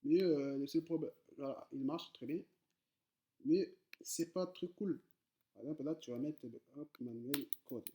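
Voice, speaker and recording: Against slight background noise, a man with a fairly high, mellow voice takes his time teaching coding in French, which is not his native language. He speaks to viewers informally, hesitating often, using many fillers and repeating words.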